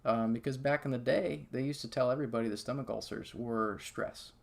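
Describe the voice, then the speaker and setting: Man, gravelly voice, mid pitch, animated, chatty, first-person story, lots of fillers. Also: a little fast. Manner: animated, conversational, heavy fillers like "okay?" and "like". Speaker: patient sharing his story.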